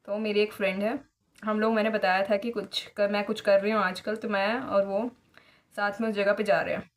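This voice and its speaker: A woman's voice: medium pitch, level tone, moderate pace. A young woman from India hosting her own vlog, telling stories in a chatty way with many fillers and English phrases mixed in. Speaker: vlogger. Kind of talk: casual vlog chat.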